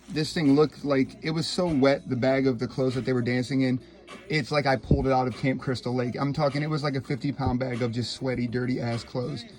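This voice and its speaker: A man in his thirties, from Ohio, filming a casual vlog in his laundry room on a handheld phone, excited and rambling. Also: mid-range voice. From Ohio, USA. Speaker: YouTuber. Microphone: handheld phone, no tripod.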